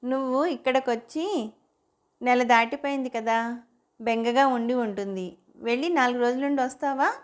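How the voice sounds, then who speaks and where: A woman's voice: a little high, moderate pace, pauses often, natural voice. A woman reading as a worried loving husband. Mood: concerned. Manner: pleading, questioning gently.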